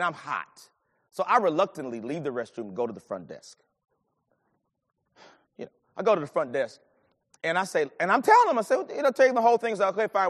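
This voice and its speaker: A man preaching a sermon and telling a personal story, swinging from low murmurs to loud bursts. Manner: animated, swings from low murmurs to shouted lines. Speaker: pastor. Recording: long hall reverb.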